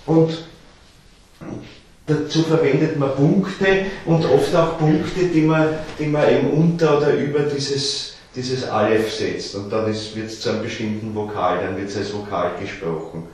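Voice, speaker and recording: A man's voice: fairly high pitch, darkish tone, slight background noise. Man lecturing in a very echoey room. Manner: halting, repeats words while explaining. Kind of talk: explanatory lecture.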